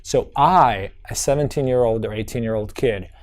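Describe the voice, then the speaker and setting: A young man from Georgia, whose first language is Georgian but who speaks with an American accent, tells his life story in an oral history interview. He's reflective, with many restarts and fillers. His voice is medium in pitch at a moderate pace.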